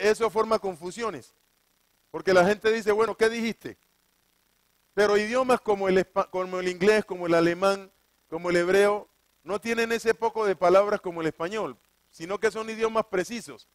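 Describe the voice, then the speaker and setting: A man with a notably high voice delivers a sermon, firing rhetorical questions at the congregation and answering them himself. He leans on repetition to drive each point home. The sound is close and dry, with almost no room echo. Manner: repeats key phrases for emphasis. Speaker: preacher. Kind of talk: sermon with scripture reading.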